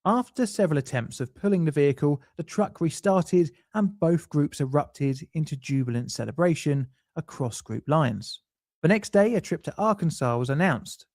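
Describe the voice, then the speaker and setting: A man's voice: a little high, expressive, moderate pace, darkish tone, dry recording, clean studio sound. Man with a scripted narration. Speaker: documentary narrator.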